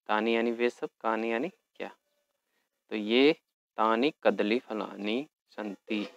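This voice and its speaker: A man teaching a Sanskrit lesson at an unhurried, careful pace, breaking each word down letter by letter. His voice sits a little low and comes across smooth and clear. The recording is dry and a bit dull. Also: a bit bright, dry recording. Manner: slow, patient, spells words out letter by letter. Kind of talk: explaining a textbook lesson.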